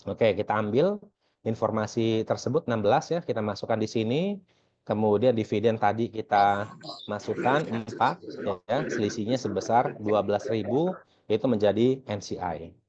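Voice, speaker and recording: An Indonesian accounting lecturer talks conversationally through a worked exercise, often posing questions and answering them himself and using frequent check-in tags. His lowish voice is a little mellow, at a moderate pace, on a dull, lo-fi recording.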